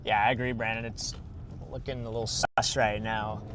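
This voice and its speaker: A man's voice: on the low side, little pitch movement, normal speed. Man livestreaming from a noisy moving car. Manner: colloquial, slangy. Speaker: storm chaser livestreaming while driving. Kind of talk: live storm-chase commentary, casual. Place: inside a moving vehicle.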